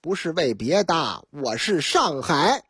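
A woman voicing a smooth-talking phone con man who fakes a Shanghai accent and poses as a policeman. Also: low voice, very animated, takes it slowly, fairly bright tone, dry recording, clean studio sound, pitched below the performer's own voice, exaggerated voice. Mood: wheedling. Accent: put-on Shanghai.

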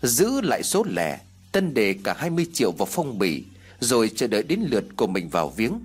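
A man narrating an audiobook ghost story in expressive storytelling fashion. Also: fairly low pitch, a little fast, breathy edge, faint music behind.

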